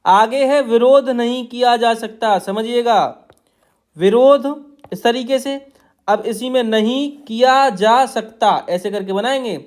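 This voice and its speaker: Very high-pitched and slow, his voice carries a darkish tone. While drawing on a tablet, he teaches shorthand outlines in a tutorial, walking through every stroke with patient repetition.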